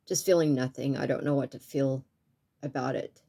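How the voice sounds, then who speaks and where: A woman with a notably low voice talks straight to her viewers in a personal vlog. She is earnest and soft-spoken, her sinuses sound stuffy, and tears sit close behind her words. She speaks haltingly, with many pauses and restarts. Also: steady tone, creaky. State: tearful. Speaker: YouTube art channel creator.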